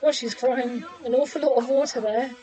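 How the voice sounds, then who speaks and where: A woman's voice: high-pitched, fairly even intonation, fairly quick, music in the background, poor audio. A woman giving casual commentary as she hosts a film reaction. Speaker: reaction host.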